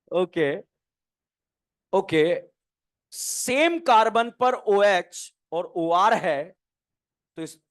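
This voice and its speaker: A man teaching a chemistry class, firing questions at students, answering them himself and slipping in jokes. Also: sits high. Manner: quizzing students, answering his own questions; joking, playful teasing. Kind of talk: classroom lecture.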